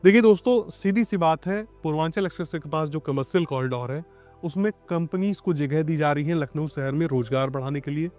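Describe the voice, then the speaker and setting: A man with a Lucknow accent walks viewers through a plot site outdoors, explaining and prompting his guest with questions. His voice sits a little high. Soft music plays faintly underneath. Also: a little fast. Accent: Lucknow Hindi. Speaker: property video host. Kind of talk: on-site walkthrough interview.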